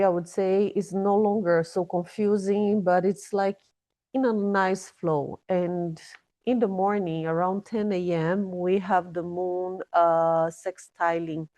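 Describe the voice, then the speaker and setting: A woman's voice: lowish voice, warm tone, no echo. A woman giving a weekly astrology forecast, talking unscripted, often repeating and restarting words, a little breathless. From based in Dubai. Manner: hesitant, repeats words and restarts, fillers like "you know" and "yeah?". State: a bit breathless. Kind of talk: unscripted explanatory talk.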